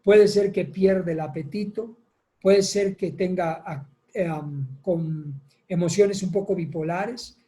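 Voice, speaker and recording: A man teaching a psychoeducational class, lively and expressive, acting out small scenes and often asking his listeners "¿verdad?". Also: sits high, slow pace. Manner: animated teacher, acts out little scenes, asks "¿verdad?" often. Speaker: instructor. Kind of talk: psychoeducational lecture.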